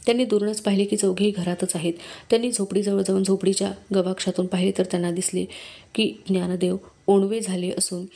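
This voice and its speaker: Woman reading a story book out loud, steady and calm, mellow darkish voice. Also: medium pitch, creaky. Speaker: book reader.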